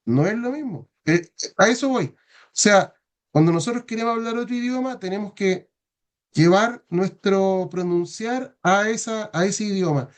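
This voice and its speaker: A man, a student on a video call, talks things through earnestly and at length. His voice is quite high for a man. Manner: earnest, explanatory.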